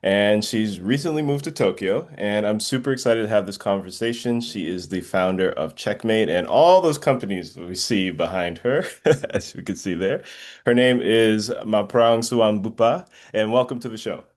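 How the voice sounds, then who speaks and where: A man's voice: fairly low pitch, normal speed. A man hosting a podcast, introducing and questioning his guest in an enthusiastic, casual way. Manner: enthusiastic, warm interjections. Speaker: podcast host.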